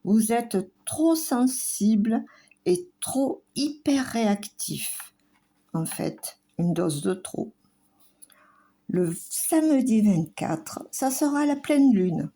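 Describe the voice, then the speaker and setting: Slow, halting woman astrologer. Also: a little high, sing-song, mellow. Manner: slow, halting delivery with fillers. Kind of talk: weekly astrology forecast.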